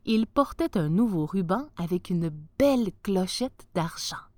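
A woman narrating a children's storybook aloud in an expressive way. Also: mid-range voice, unhurried, no echo.

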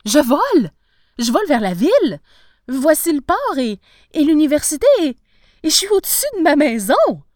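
An excitable, easily delighted male professor, as a woman puts him on in a storybook reading, exclaiming high and breathless with wonder. His voice swoops up and down as he marvels. The recording is dry and close. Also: measured pace, dry recording. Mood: excited.

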